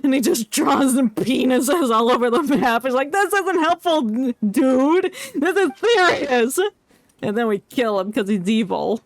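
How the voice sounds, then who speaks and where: A woman streams a game with casual, joking, irreverent live commentary, her high voice lively in intonation and unhurried. Faint video game music plays behind her.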